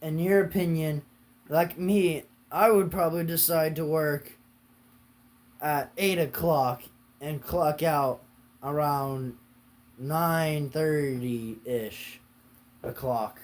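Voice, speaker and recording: A man's voice: fairly high pitch, fairly even intonation, takes it slowly. A man asking short interview questions and giving brief acknowledgements.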